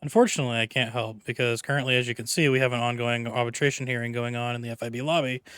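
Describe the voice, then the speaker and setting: A man's voice: medium pitch, steady tone, racing, a bit bright, clear, resonant tone, no echo, clean studio sound. A man playing a desk agent, curt and defensive, speaking emphatically in character. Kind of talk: in-character roleplay.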